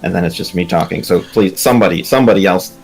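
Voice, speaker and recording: A man talking in character during a tabletop game, earnest and halting, with frequent restarts. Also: low voice, vocal fry, darkish tone, husky, soft background music. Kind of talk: in-character role-play discussion.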